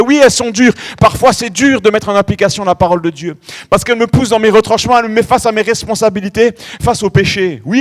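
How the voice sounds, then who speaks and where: Middle-aged guy preaching in church, kinda high voice, lively storytelling, drags out words for emphasis. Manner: animated storytelling preacher, stretching key words. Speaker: pastor. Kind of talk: sermon.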